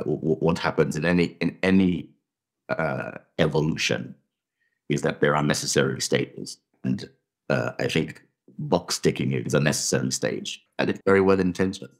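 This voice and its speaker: Very deep-voiced man, thoughtful and halting. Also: creaky. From Tanzanian family, grew up in Zimbabwe. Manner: thoughtful, halting, many restarts and repetitions. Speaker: guest actor. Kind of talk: conversational podcast interview.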